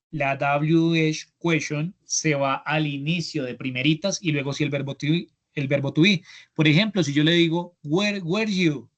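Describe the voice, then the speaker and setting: A Colombian-accented man leads an online language class over a computer mic. His voice sits a little on the high side as he explains grammar step by step. He keeps checking in with the students as he goes. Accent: Colombian Spanish. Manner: explanatory, often checks in with "¿listo?". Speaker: English instructor. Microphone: computer mic on a video call.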